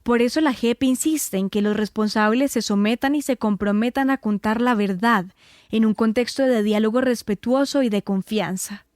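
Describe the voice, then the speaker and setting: A woman delivers formal scripted narration at a measured pace. Her fairly high voice is recorded close and dry, with no room sound. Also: darkish tone, dry recording.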